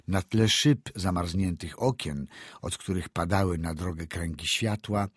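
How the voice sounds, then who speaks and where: A man narrating classic prose as an audiobook reader, measured and descriptive. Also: low-pitched, husky, no echo, studio quality.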